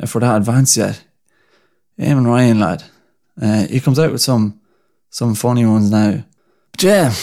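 A man's voice: fairly low pitch, dark tone. A young Irish man hosting a podcast alone, rambling in a casual, mocking rant full of fillers. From Ireland. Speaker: podcast host.

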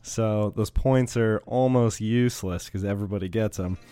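A man's voice: fairly low pitch, normal speed, dark tone, no echo, soft background music. A man hosting a casual sports betting podcast, steadily listing his picks one by one.

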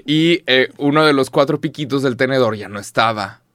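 A man's voice: mid-range voice, moderate pace, fairly bright tone, dry recording, clean studio sound. A man with a Mexican accent, co-hosting a podcast in casual, slangy chat and telling a story with a lot of swearing. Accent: Mexican Spanish. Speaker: podcast co-host.

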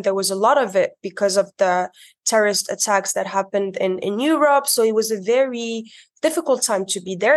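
A young woman from Morocco, a podcast guest telling her life story in a conversational, reflective way. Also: medium pitch.

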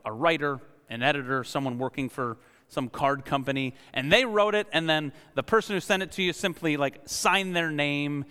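A man's voice: medium pitch, bright, forceful tone, clear, resonant tone. A man preaching a sermon as pastor, in a casual, conversational way, often repeating words as he starts a phrase. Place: church sanctuary. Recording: long hall reverb.

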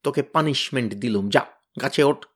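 A man voicing a bossy, blustering teenage boy who leads his gang with loud scolding commands. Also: mid-range voice, moderate pace, lightly acted.

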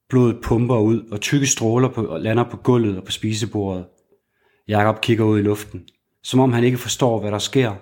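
A man reading a crime thriller aloud as a narrator, with a measured, even storytelling delivery. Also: on the low side.

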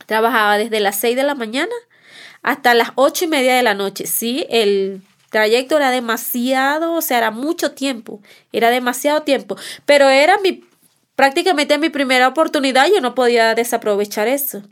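High-voiced woman telling her story. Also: normal speed. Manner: heartfelt, repeats words for emphasis; acts out past conversations. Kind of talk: personal testimony podcast.

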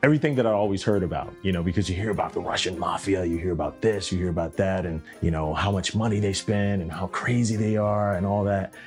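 A man's voice: deep voice, faint music behind. A young adult man hosting a podcast, telling his personal story in a conversational, reflective way. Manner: conversational, reflective, drawn-out emphasis. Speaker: podcast host.

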